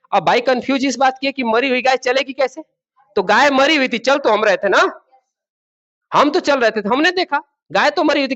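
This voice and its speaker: Very high-voiced and fairly bright in tone, a male teacher leads a classroom grammar lesson. He asks the class questions, repeats key words, and refers to students as babu and beta, heard through dull lo-fi sound.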